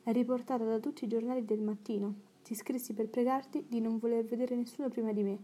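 A worldly, witty English aristocrat, voiced by a woman reading an audiobook speaks in an urbane, calmly persuasive way. The tone is mellow and dark and stays fairly level, a little high for his kind. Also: quick pace, lightly acted.

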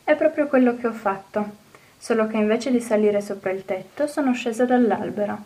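Little orphan girl, bright and eager, voiced by a woman reader, slightly raised pitch, mellow tone. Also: a little fast, far from the mic, natural voice, poor audio. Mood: cheerful. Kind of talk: audiobook character voice.

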